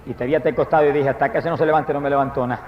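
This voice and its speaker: A man's voice: medium pitch, fairly even intonation, rapid-fire, slight background noise, voice pushed down, lightly acted. A man preaching at a church service and quoting his converted wife as she tells her story. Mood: recounting. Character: preacher's once-hostile wife, now converted. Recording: echoey, dull live hall recording.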